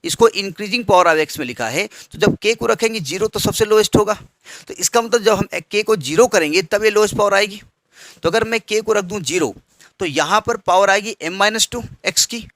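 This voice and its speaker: Bright-voiced maths teacher, patient. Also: male voice, high-pitched, expressive, moderate pace, no echo. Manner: patient, step-by-step, quizzing students with questions. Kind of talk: blackboard maths lecture.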